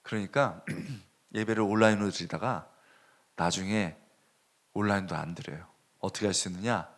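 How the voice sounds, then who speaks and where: A male pastor preaching a sermon, telling a story with animated swings between hushed and raised delivery. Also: lowish voice. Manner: animated storytelling, dropping to a hush and rising sharply.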